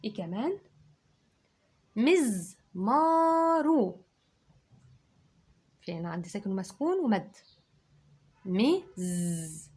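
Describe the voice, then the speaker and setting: A woman's voice: fairly low pitch, sing-song, moderate pace, dark tone, slightly rough. A woman with an Egyptian Arabic accent giving a children's dictation lesson, stretching out each syllable as she dictates. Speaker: teacher.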